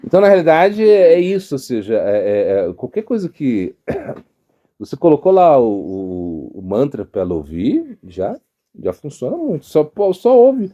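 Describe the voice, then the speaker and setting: Animated Brazilian monk, mellow voice. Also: male voice, fairly high pitch, unhurried, dull audio. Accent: Brazilian Portuguese. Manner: animated storytelling, acts out quotes, frequent restarts and stammers. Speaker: monk giving a spiritual talk. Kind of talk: informal devotional sermon.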